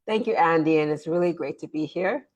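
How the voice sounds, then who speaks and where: Husky low-voiced woman in an interview. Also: fairly quick, darkish tone. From born in Nigeria, raised in the US. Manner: earnest, repeats words as she talks. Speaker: guest, business consultant. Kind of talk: interview conversation.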